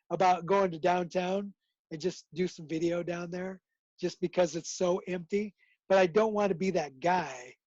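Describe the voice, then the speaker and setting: A man's voice: high voice, darkish tone, dry recording, muffled recording. A man chatting casually as a guest, easygoing and rambling as he tells his stories. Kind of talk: casual video-call chat.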